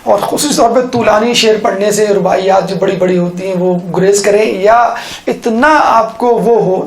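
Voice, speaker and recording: A woman's voice: medium pitch, echoey room. A woman giving an instructional lecture on how to give sermons, explaining step by step and often checking in with her listeners. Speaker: religious teacher.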